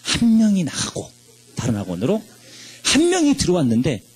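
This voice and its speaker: A man's voice: sits high, wildly swooping pitch, normal speed, darkish tone, slightly rough, full character voice. A man voicing his carefree teenage son, eager and naively boastful, in a sermon story. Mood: cheerful eager. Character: cheerful carefree teenage boy, the pastor's son.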